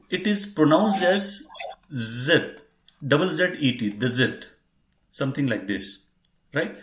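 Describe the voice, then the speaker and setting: A man's voice: a little high, a bit bright, echoey room, a little hiss or hum. A man teaching a German class, patiently spelling words out letter by letter and speaking to his students as friends.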